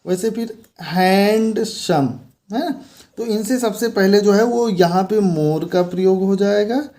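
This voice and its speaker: A man teaching a grammar lesson at a very unhurried pace. His voice is mellow and dark, and he explains patiently. He points things out as he goes and repeats each key word. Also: sits high, fairly even intonation. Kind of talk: board-based grammar lesson.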